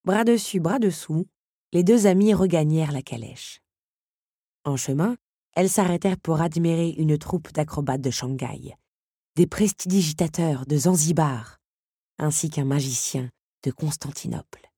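Female audiobook narrator, low husky voice, dry close sound. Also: normal speed, warm tone, dry recording. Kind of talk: audiobook reading.

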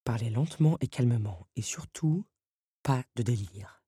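A woman voicing a male beast, lord of the castle, calm and commanding. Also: very deep voice, normal speed, slightly rough, no echo, clean studio sound, voice pushed down, heavily acted. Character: gruff lordly beast, male, worried master.

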